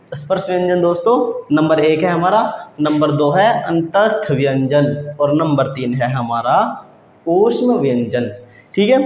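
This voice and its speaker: A man teaching Hindi grammar for exam preparation, his voice sitting slightly high as he explains each point patiently. He asks questions and answers them himself, repeating key points over and over. The recording is roomy with a long reverb tail, dull in tone, with faint background hiss. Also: darkish tone. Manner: repetitive, explanatory, keeps checking in with "ठीक है दोस्तों". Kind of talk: exam-prep grammar lesson.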